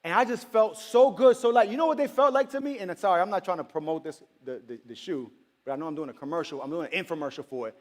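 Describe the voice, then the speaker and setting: Man, preacher, storytelling sermon, fairly high voice, animated with sudden squeaky outbursts. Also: fast talker. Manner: animated, acts out dialogue with sudden high-pitched exclamations.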